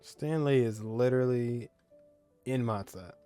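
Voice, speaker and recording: A man playing a video game streams casual, slangy commentary over game music. His voice is mid-range and warm, and he speaks at a measured pace in an informal manner.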